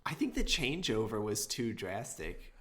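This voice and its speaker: A man co-hosting a podcast, chatting casually in a hesitant, halting way with short answers. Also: on the low side, sing-song, bright, forceful tone. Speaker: podcast co-host. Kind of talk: casual chat.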